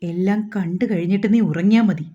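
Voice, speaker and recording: A woman's voice: lowish voice, a little fast, warm tone, lo-fi sound, lightly acted. A woman reading the part of a stubborn, domineering man who speaks curtly and mockingly. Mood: stern.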